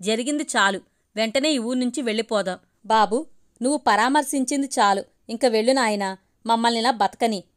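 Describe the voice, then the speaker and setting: A woman's voice: fairly high pitch, normal speed, natural voice. A woman voicing a harsh, worried middle-aged mother who scolds. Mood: scolding.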